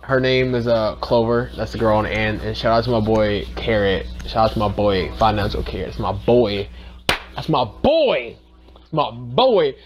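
A man's voice: lowish voice, moderate pace. A young man talking casually to his channel's viewers in a rambling, profane way, then calling out gameplay. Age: young adult. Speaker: YouTuber. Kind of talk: casual vlog and gameplay commentary.

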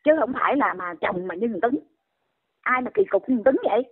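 A woman's voice: on the high side, expressive, fairly quick, breathy edge. An older woman, scolding and exclaiming in indignant commentary. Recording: tinny phone line.

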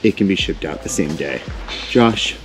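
A man's voice: low-pitched, lively intonation, normal speed, soft background music. A man in his thirties hosting a casual, upbeat walk-through tour of a large warehouse on a lapel mic. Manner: upbeat, enthusiastic. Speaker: vlog host.

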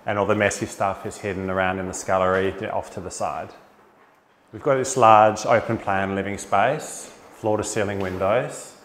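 A man's voice: fairly low pitch, fairly even intonation, moderate pace, fairly bright tone, slight background noise. An enthusiastic Australian architect in his forties, walking through a house with a clip-on mic and talking casually with plenty of fillers. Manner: enthusiastic, upbeat, with frequent fillers. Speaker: architect giving a house tour. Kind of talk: casual walkthrough narration. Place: inside and around a large suburban house.

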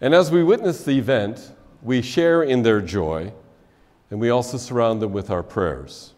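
A man in his sixties preaching a measured wedding sermon as officiant, his phrases dropping softly at their ends, in a church sanctuary. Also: mid-range voice, lively intonation. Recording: long church reverb.

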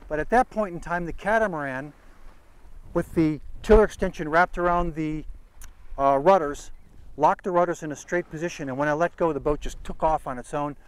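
A middle-aged man teaches on a sailboat deck out at sea, recorded by a camera a few feet away. His voice sits a little high for a man, and he talks in an earnest, deliberate, emphatic way, like a seasoned instructor. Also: rough recording. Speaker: sailing instructor.

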